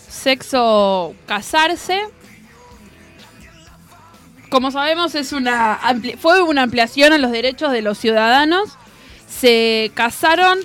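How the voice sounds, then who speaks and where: A woman with a Rioplatense accent hosting community radio, talking in a relaxed conversational way. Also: high voice. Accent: Rioplatense Spanish. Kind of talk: casual radio talk.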